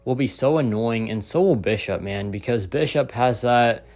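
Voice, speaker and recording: A young man talks through game strategy in a loose, excited way, leaning on "like" and "so yeah". His voice sits at an ordinary middle pitch. It sounds slightly worn, as if he has been talking for a long while. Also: normal speed. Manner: enthusiastic, heavy use of "like" and "so yeah". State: losing his voice. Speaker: gaming content creator. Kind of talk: casual game commentary.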